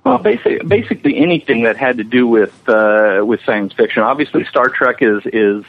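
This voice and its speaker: A middle-aged man who works as a special effects animator chats casually as an interview guest, rambling and cracking self-deprecating jokes. His medium-pitched voice has lively intonation at a normal speed. The audio is narrow-band, like a phone or internet call.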